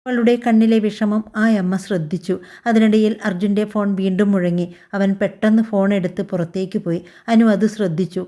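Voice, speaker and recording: A woman narrating a scripted family drama story in a calm, even storytelling voice. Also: medium pitch. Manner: calm, even storytelling voice that also reads all the characters' lines.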